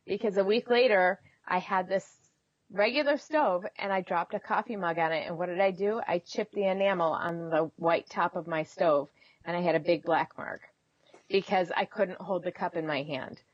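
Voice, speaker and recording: A middle-aged woman telling personal stories candidly in an expressive, conversational way, as an interview guest. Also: on the low side, moderate pace, dry recording, dull audio. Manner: expressive, acts out reported dialogue.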